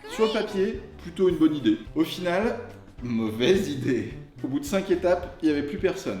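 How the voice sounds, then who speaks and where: A man's voice: fairly high pitch, lively intonation, quick pace, mellow. A man presenting a car review in a casual, colloquial, tongue-in-cheek way. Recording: roomy echo with music underneath. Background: music.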